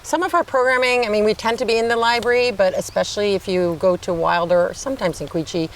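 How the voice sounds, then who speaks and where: A woman speaking informally as an interview guest, explaining things in a halting, informative way. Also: medium pitch. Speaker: assistant librarian, interview guest.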